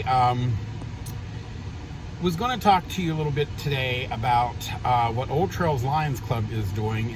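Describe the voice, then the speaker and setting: A man speaks earnestly to his phone video from the driver's seat, the phone propped on the steering wheel. His talk wanders along with frequent ums and uhs. The mic sits a little way from him and picks up a steady background hum. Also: mid-range voice, recorded from a distance. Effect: phone video recording. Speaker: vlogger and Lions Club volunteer. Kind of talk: casual talking-to-camera vlog. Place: parked car.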